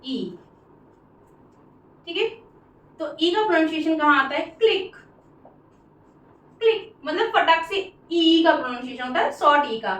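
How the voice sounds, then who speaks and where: A woman with an Indian accent teaching English pronunciation, saying each word slowly and repeating it for the class. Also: high-pitched, a bit bright. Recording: echoey room, voice from far off.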